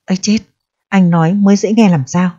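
A woman's voice: lowish voice, normal speed, darkish tone, dry recording, lightly acted. Brief: sly scolding court clerk in a storybook reading, read by a woman, dry muffled recording. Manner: scolding, wheedling. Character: scheming older male court clerk.

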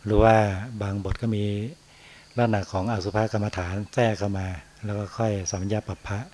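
A man, a Buddhist monk, giving an unhurried dharma talk on meditation and tagging his phrases with a soft particle. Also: lowish voice, fairly even intonation.

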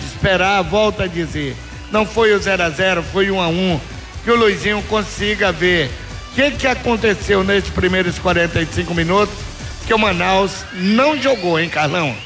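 Male Brazilian radio pundit, high pitch, conversational match analysis, faint music behind. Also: normal speed, a bit bright. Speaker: football analyst.

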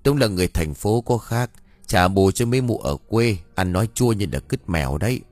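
A man's voice: fairly low pitch, expressive, brisk, darkish tone, no echo, lightly acted. A man voicing an eager, cheeky young village lad, in a read-aloud story. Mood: excited. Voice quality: eager, teasing, chatty.

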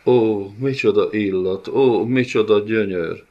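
A man's voice: fairly low pitch, muffled recording, close to an everyday voice. A man voicing a huge, cruel male beast-warlord in an audiobook, with a sneering, mock-tender way of taunting. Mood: gloating cruel. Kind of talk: audiobook character voice.

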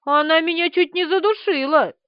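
Brief: woman reading drawling ironic man artist, audiobook, fairly high, dry sound. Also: normal speed, no room sound. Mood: wry. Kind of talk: audiobook character voice. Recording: slightly dull, dry.

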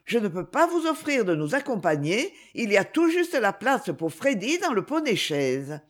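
A woman reading aloud, voicing a lively, affectionate young noble girl in a storybook. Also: moderate pace. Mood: eager. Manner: eager, fond, high-spirited.

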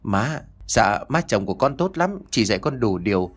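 A man's voice: lowish voice, very animated, moderate pace, husky. A man voicing a young wife who answers hesitantly and stammers while hiding her misery. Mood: strained.

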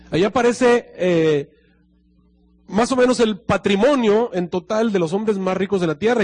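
A man preaches a sermon to a congregation, telling a personal story and voicing each person in it. His voice sits a little high and has a husky edge. He moves between plain explanation and lively acted dialogue. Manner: storytelling, acting out dialogue with lively pitch swings.

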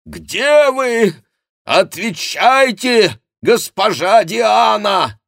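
Raging jealous nobleman, high strained bellow, thrown from afar, dry recording, storybook figure. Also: expressive, drawn-out words, gravelly, no echo, full character voice. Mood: furious shouting. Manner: desperate bellowing shout. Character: furious jealous older nobleman shouting from afar.

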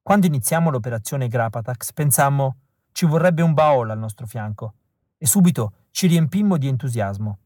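A wistful, resolute rebel woman speaks softly and earnestly, her tone lifted a little above an ordinary man's speech, as a male audiobook reader puts her on. She sounds tender. The recording is dry and close, with no room around it. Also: medium pitch, animated, moderate pace, dry recording, natural voice. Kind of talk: audiobook reading.

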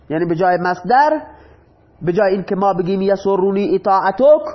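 A man teaching a grammar class. He reads example sentences slowly, translates them, and asks the class questions that he answers himself. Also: sits high. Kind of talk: Arabic grammar lesson explained in Persian. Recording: dull lo-fi recording.

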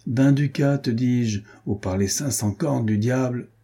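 A drunken, hot-tempered loser at cards, as a man puts him on in an audiobook. He blusters in a raised, husky voice with a dark tone. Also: mid-range voice, unhurried, pitched above the performer's own voice. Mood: angry. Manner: blustering, angry.

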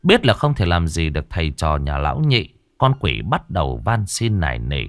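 A man tells a ghost story in a dramatic, expressive way. His voice is low, but it rises and falls with great animation. The recording is dry and close. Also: normal speed, dry recording.

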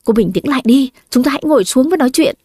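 A woman storyteller voicing a steady, calm young man who took over a bakery, reasoning with people and soothing them. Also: high voice, fast, husky, no room sound, studio quality. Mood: placating.

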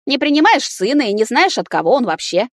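A woman's voice: high voice, big pitch swings, a little fast, no room sound, clean studio sound, voice pushed up. A woman voicing a bossy, stern grandmother who scolds her grandson in a raised voice. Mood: scolding. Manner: commanding, scolding.

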